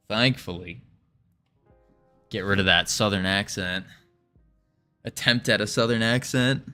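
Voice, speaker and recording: Laid-back man dev on stream, low-pitched, unhurried, greets chat between tasks, soft music behind. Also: smooth. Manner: relaxed, chatty, greets viewers, muses while working. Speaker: indie game developer streaming. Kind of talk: casual live coding stream, thinking aloud.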